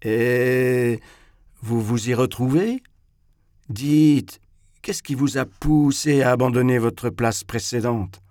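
A man's voice: mid-range voice, takes it slowly, a little mellow, no room sound, natural voice. A man reading a novel aloud, voicing a smug young man who questions a guest condescendingly and bosses the table. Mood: patronizing. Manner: patronizing, bossy questioning. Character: smug condescending young male host of a dinner. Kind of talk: audiobook character reading.

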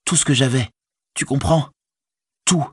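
A man's voice: medium pitch, a little slow, darkish tone, breathy edge, no echo, clean studio sound, voice pushed up. A man voicing a burdened, haunted young hobbit in an audiobook, speaking intensely in a raised voice. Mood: despairing. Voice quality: intense, despairing. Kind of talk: audiobook character voice.

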